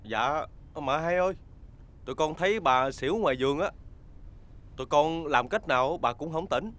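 A man's voice: on the high side, expressive, normal speed, a bit bright. A man playing an anxious household servant, deferential and worried. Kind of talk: TV drama acting. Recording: echoey room with music bed.

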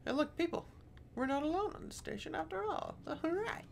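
A man's voice: very high voice, animated, brisk, creaky. A man casually commenting as he plays a game, muttering self-deprecating asides. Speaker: game streamer.

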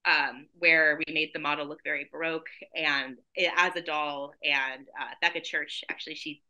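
A photographer in her forties from San Diego, California, joins a casual interview as a guest over a video call from her living room. Her low voice comes at normal speed through dull audio, and she is chatty and enthusiastic, gesturing animatedly with her hands.

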